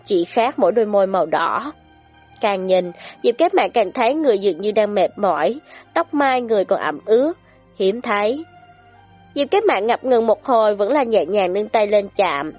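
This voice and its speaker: A woman narrating a story in an expressive, dramatic storytelling manner. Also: medium pitch, moderate pace, faint music behind. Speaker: audiobook narrator.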